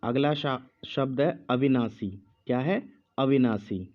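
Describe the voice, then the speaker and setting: Guy giving a slow spelling dictation, repeats every word, kinda dull audio. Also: mid-range voice. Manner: speaks slowly with pauses, repeats each word. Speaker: Hindi teacher.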